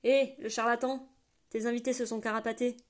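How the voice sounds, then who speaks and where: A woman's voice: a little high, level tone, a little fast, natural voice. Woman doing a sneering burly soldier. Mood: mocking. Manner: sneering, coarse. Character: burly mocking soldier man.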